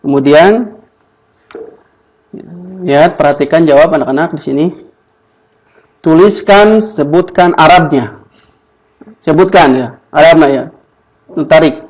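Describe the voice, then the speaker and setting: Slow, patient man teaching a class. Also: on the high side, darkish tone, rough recording. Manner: slow, drills class with repeated questions. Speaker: Quran Arabic teacher. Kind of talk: classroom lesson.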